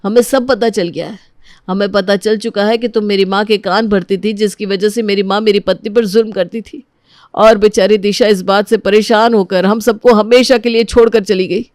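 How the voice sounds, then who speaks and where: A woman's voice: medium pitch, steady tone, moderate pace, darkish tone, dry recording, clean studio sound, natural voice. A woman voicing an upset young husband who accuses a relative. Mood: accusing.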